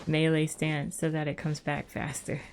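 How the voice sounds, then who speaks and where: Over game music, a woman livestreams her gameplay and rambles through casual musings. Her low voice stays monotone at a moderate pace, with slight background noise.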